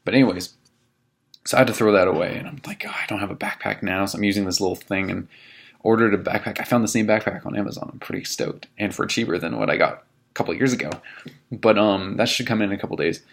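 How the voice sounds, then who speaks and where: Gravelly young man telling a dorm story. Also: fairly low pitch, quick pace. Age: 20s. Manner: animated, laughing retelling with quoted voices. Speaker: vlogger. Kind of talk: casual storytelling to camera. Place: college dorm room.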